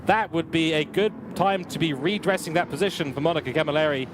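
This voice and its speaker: A young man giving live commentary on a simulated car race, energetic and building excitement, his voice getting worn. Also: fairly high pitch, fast talker, background noise. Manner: energetic, rising with excitement at incidents. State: losing his voice. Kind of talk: live sim racing commentary.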